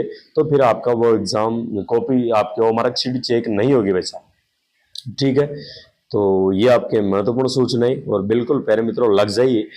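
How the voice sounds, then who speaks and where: A man's voice: medium pitch, a little mellow, low-quality recording. Chatty man reading out a syllabus. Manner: chatty, repeats "bhai sahab" and "pyare mitron". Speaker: coaching class teacher.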